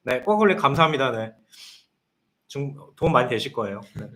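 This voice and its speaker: A man's voice: medium pitch, expressive, a little fast, sharp tone. A man in his thirties, a consultant answering viewer questions on a live stream in an explanatory way. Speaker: guest consultant.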